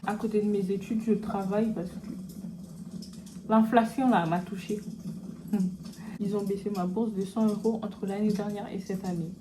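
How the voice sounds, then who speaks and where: Young woman, mid-pitch, casual slangy makeup-vlog chat, noisy home recording. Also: normal speed, pauses often. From French Guiana. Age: young adult. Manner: chatty, relaxed slangy asides. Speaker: beauty vlogger.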